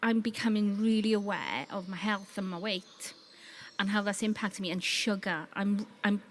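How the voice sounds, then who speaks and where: A woman's voice: medium pitch, moderate pace. A Welsh woman speaks up from the audience through a handheld mic, rambling and candid as she works her way to her question. Faint noise hangs behind her. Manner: rambling, self-deprecating, candid. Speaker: audience member asking a question. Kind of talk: live panel Q&A question. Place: outdoor festival audience.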